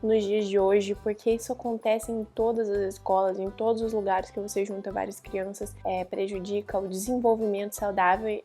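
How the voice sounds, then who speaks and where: A young woman from Brazil telling a personal story to camera as a vlogger, earnest and emotional, with pauses and restarts. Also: medium pitch, dark tone.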